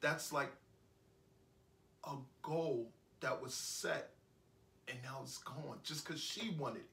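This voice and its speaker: A man's voice: medium pitch, takes it slowly, gravelly, sharp tone, full character voice. An actor with a New York accent playing a heartbroken young man who rambles bitterly and repeats himself in an indie film monologue. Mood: heated. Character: heartbroken young man ranting after breakup. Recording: echoey room, voice from a distance.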